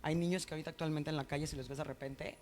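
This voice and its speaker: A man, a guest expert explaining ideas in animated, conversational speech. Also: on the high side, racing, slight background noise.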